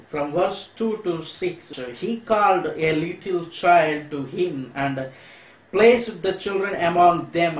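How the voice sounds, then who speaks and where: A man with an Indian English accent preaching a sermon, earnestly repeating phrases and slowing down to stress key words. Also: high voice, reverberant, rough recording. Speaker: pastor. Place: church hall.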